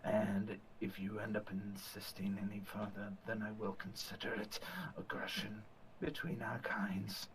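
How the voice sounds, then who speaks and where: A man player speaking in character with a hushed, menacing delivery. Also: fairly low pitch, little pitch movement, measured pace, slight background noise, low-quality recording. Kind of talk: in-character role-play.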